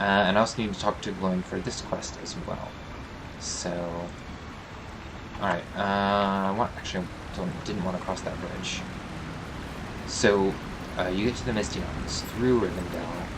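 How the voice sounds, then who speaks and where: A man's voice: sits low, very noisy. A man hosting a let's play, casually commentating his game and thinking aloud with frequent fillers.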